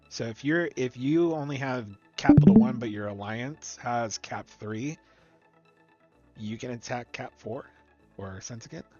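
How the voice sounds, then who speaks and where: A man's voice: mid-range voice, dull audio. Man chatting over game music. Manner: animated, reads rules aloud and debates them. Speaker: streamer host. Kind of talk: casual gaming chat.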